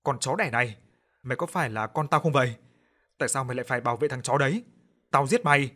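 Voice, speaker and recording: A man voicing a furious, harsh middle-aged father who shouts, curses and threatens. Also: medium pitch, lively intonation, quick pace. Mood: furious shouting.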